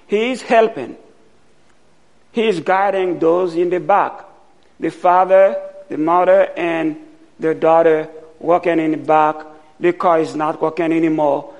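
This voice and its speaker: Slow, gravelly-voiced man from Haiti preaching. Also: fairly high pitch, fairly even intonation, a little mellow. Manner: slow and deliberate, pausing often. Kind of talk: sermon.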